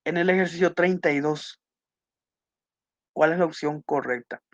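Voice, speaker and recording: A man's voice: on the high side, normal speed, no echo. Man teaching with muffled dry audio. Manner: patient, repeats key points with tag questions. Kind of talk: online class explaining test answers.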